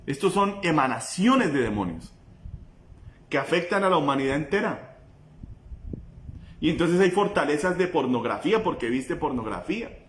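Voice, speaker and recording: Male pastor, fervent preacher who rises to cries then drops low; slightly high-pitched, roomy echo. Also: sing-song, normal speed, pauses often, slight background noise. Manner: impassioned, swings between loud cries and low intensity. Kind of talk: sermon.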